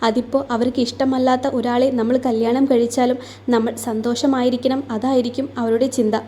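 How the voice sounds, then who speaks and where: A woman's voice: a little high, little pitch movement, brisk, warm tone, a little hiss or hum, lightly acted. A woman reading the lines of a hurt, defiant young bride in a storybook romance, asking bitter questions.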